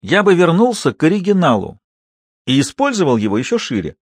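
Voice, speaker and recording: A man voicing a calm, witty young man who answers with unruffled irony. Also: fairly high pitch, fairly quick, breathy edge, dry recording, pitched above the performer's own voice. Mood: composed. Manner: unruffled, dry ironic. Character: calm witty young male lawyer-actor.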